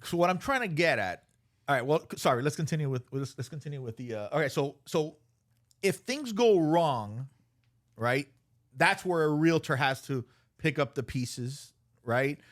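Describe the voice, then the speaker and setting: A man's voice: fairly high pitch, expressive, normal speed. A man hosting a casual podcast who speaks hesitantly and restarts his sentences often. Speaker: podcast host.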